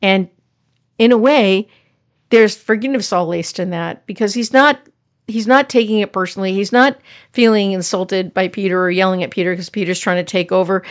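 A woman's voice: medium pitch, normal speed. Woman pastor, sermon reflection; earnest, conversational, voices the story's speakers briefly. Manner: earnest, conversational, acts out quoted lines.

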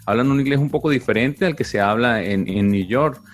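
A man's voice: mid-range voice, a little fast. Chatty man with lots of fillers. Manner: hesitant, many repeated words and fillers. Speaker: podcast co-host. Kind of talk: casual podcast chat. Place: living in England.

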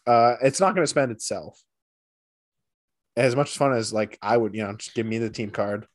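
A man co-hosting a hockey podcast, chatting casually with a friend, animated and teasing, with quick bursts of excitement. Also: medium pitch. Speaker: podcast co-host. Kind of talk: casual sports chat.

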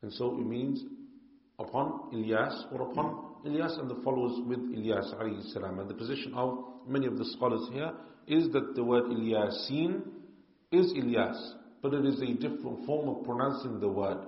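A man teaching a religious lesson in a calm, explanatory way. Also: mid-range voice, moderate pace. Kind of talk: religious lecture. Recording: echoey hall, muffled.

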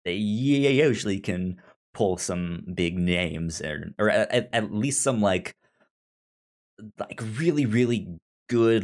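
On a casual podcast about TV, a deep-voiced male co-host speaks haltingly, stammering and repeating syllables and words.

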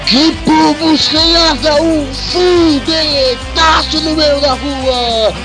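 A Brazilian man doing live radio football commentary, exploding into shouted, drawn-out goal calls. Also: very high voice, fairly even intonation, over loud music, poor audio.

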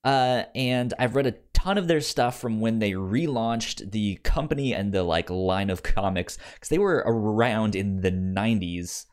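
A man co-hosts a podcast, chatting casually about books and frequently restarting and repeating his words. His voice sits fairly low, with lively intonation, a measured pace, and few pauses.

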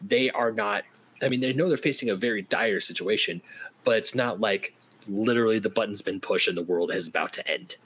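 Low husky man, hesitant. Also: a little fast, fairly bright tone, low-quality recording. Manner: hesitant, searching for words. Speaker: podcast co-host. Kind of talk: casual film review chat.

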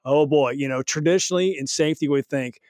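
A man's voice: a little high, fast, darkish tone, no echo, studio quality. A man who works in workplace safety, talking casually on a podcast and acting out the reactions he quotes. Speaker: safety professional and co-host.

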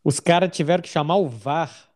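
Brazilian guy hosting a soccer podcast, kinda higher voice, chatty. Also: moderate pace, a little mellow. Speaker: podcast host. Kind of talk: casual football podcast talk.

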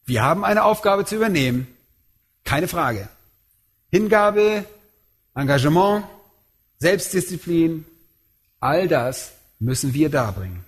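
Male preacher, fairly high husky voice, emphatic sermon delivery with rhetorical questions. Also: expressive, slow pace, pauses often.

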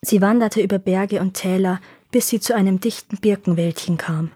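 A woman hosting a podcast, reading fairy tales in calm, clear storytelling narration. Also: medium pitch, normal speed, no echo. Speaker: podcast host and fairy-tale reader.

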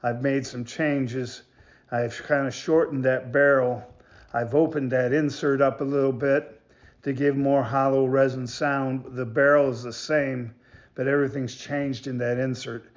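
A man giving a casual product demonstration as a maker of hunting calls, talking in a halting, rambling way and often repeating himself. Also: medium pitch, fairly even intonation, dull audio. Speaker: goose call maker presenting products.

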